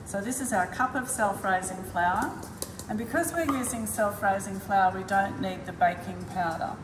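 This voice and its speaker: Recorded from afar by a camera in a big, echoey school kitchen, an older woman from Australia happily walks through each stage of a cooking demo. She talks at a normal speed in a mid-range voice over a noisy background.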